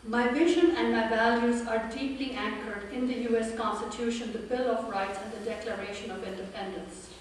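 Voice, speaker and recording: A woman in her fifties, born in India and raised in Pakistan, giving an earnest, measured campaign speech with dry humor at a forum. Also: a little high, steady tone, a little hiss or hum. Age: 50s. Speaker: political candidate. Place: forum room with an audience. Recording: echoey hall from far off.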